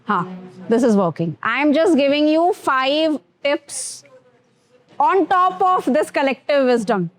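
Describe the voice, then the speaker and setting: A woman's voice: fairly high pitch, no echo. A woman with an Indian accent teaching a grooming workshop to students in a classroom, switching between Hindi and English and addressing them directly.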